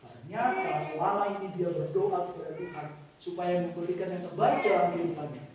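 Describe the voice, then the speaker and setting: Male preacher, high pitch, dramatic sermon storytelling, muffled and echoey recording. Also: fairly even intonation, brisk, a little hiss or hum. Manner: dramatic, swings from hushed to loud. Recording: very echoey, distant mic, dull sound.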